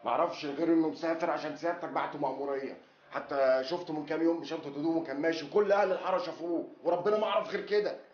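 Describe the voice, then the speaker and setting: An actor playing a nervous, fawning informer pleading with the police, with an Egyptian accent. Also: male voice, on the high side, rapid-fire, lightly acted. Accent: Egyptian Arabic. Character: nervous male neighborhood informer. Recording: echoey, dull film audio.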